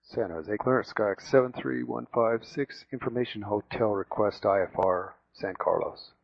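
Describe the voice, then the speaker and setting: A man working as a pilot, reading back clearances in procedural radio phrasing. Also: fairly low pitch, moderate pace, no room sound. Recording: dull, dry radio audio.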